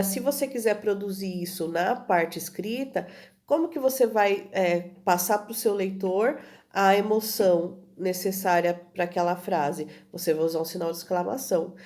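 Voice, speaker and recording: In a recorded video lesson, a female teacher takes her time explaining, frequently pausing to ask her students "tudo bem?". Her speech is full of fillers and restarts, delivered in a medium-pitched, darkish voice.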